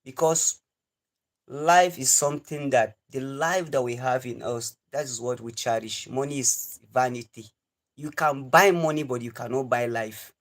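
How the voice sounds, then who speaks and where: Unhurried and medium-pitched, a young Nigerian man in his twenties lectures livestream viewers with earnest repetition, his monologue taking a preachy turn. He speaks Nigerian English.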